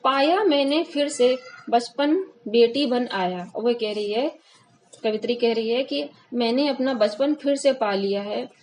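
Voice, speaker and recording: A woman teaching a poem, reading each verse slowly before explaining it in plain words. Her voice sits a little high, and a faint background noise runs under the recording. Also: dark tone, poor audio. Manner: reads verses slowly, then explains line by line. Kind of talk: Hindi poetry lesson, reading and explaining.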